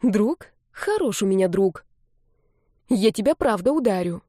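A woman's voice: mid-range voice, lively intonation, measured pace, mellow, dry recording, studio quality. A woman reading the part of a hot-tempered young female student in an audiobook, speaking in an angry, hissing way.

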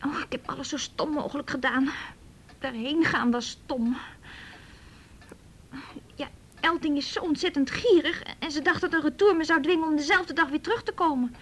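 An actress in a naturalistic radio drama plays a hurt, defiant young runaway girl who tells things in a halting, wry manner. Her high-pitched voice is a bit bright, and the mood is rueful and weary.

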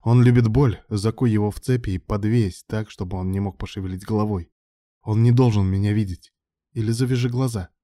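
Narrator doing an intense bossy young guy in an audiobook, low mellow voice pushed louder, dry sound. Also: fairly even intonation, a little fast, dry recording, natural voice. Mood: commanding. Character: brooding, demanding young man. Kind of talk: audiobook dialogue.

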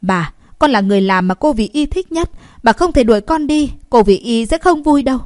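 A woman voicing a pushy young female maid who pleads and shouts for help in a storybook reading. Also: on the high side, animated, moderate pace, dry recording, clean studio sound, voice pushed up, close to an everyday voice. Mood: pleading.

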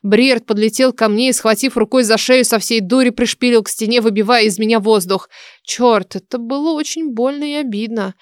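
A woman narrating a first-person fantasy audiobook in an expressive, lively storytelling manner. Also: on the high side, moderate pace, dry recording, studio quality.

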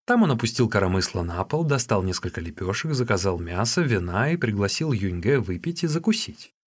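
A man's voice: on the low side, sing-song, fairly quick, husky. A man reading an audiobook aloud, telling the story expressively. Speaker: narrator.

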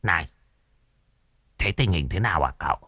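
Man doing a deep-voiced prying old man. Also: animated, moderate pace, pushed and bright, no echo, studio quality, exaggerated voice. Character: curious old male coffin maker.

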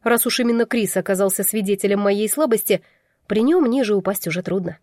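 A woman reads a first-person story aloud, expressive and emotional in her telling. Her voice is mellow and soft-toned, recorded close and dry with no room sound around it. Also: mid-range voice, a little fast, dry recording. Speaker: narrator. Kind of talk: first-person audiobook narration.

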